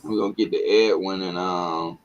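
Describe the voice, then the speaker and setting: A man with a Southern American accent hosting a casual sports chat, excitable and slangy, often laughing. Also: deep voice, moderate pace, muffled recording. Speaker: sports talk show host.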